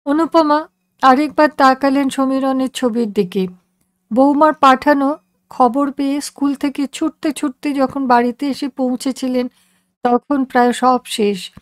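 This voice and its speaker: Woman story reader, high voice, reflective, measured, close and dry sound. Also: steady tone, no room sound. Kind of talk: literary story narration.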